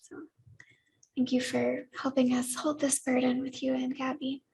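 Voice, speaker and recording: A woman leading a congregation in worship, gently inviting them to repeat words back to her. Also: high voice, flat delivery, moderate pace, vocal fry, low-quality recording. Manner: gentle, inviting, leads call-and-response. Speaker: service leader. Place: church sanctuary.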